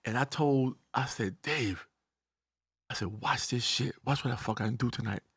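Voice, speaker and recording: A middle-aged comedian telling stories in a profane, animated way, laughing as he goes and acting out other people's lines. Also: mid-range voice, normal speed, slightly rough. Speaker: guest comedian. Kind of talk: animated comic storytelling.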